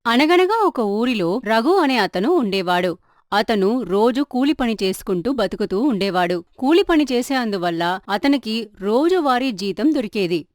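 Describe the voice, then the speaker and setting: A woman's voice: fairly high pitch, dry recording, studio quality. Woman narrating a cartoon moral story.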